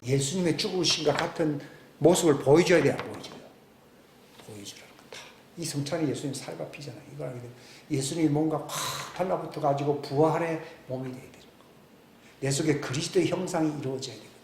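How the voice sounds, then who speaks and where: Male pastor, 60s; sermon delivery with loud questions and hushed asides, echoey sanctuary. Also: a little high, fast. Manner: swings between loud emphatic questions and hushed near-whispers. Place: church sanctuary. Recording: echoey church room with faint background hiss.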